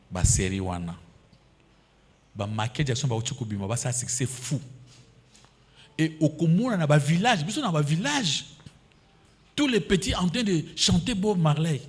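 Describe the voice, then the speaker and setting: A man in his fifties preaches with a Congolese French accent, his high voice leaping up and down in pitch. He punctuates the sermon with alleluias and amens and slips into Lingala. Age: 50s. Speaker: pastor.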